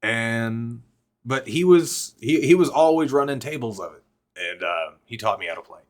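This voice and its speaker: With a mid-range voice, animated delivery, and moderate pace, a young rapper-vlogger recounts something from his own life. He swears freely, wanders off topic, and repeatedly breaks off mid-thought.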